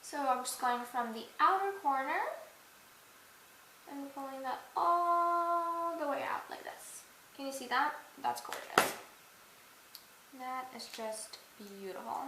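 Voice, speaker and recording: A woman's voice: high voice, animated, slow, pauses often. Chatty young woman in an echoey room. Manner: chatty, giggly, lots of fillers. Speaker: beauty and dance vlogger. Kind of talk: joking makeup tutorial. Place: indoors at a mirror. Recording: echoey room with faint hiss.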